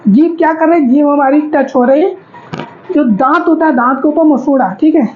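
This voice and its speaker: Brief: high-pitched female teacher, repetitive syllable drills, slightly muffled audio with faint background noise. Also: normal speed. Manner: drills sounds aloud, asks class to repeat. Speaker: Hindi grammar teacher. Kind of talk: classroom lesson with drilled syllables.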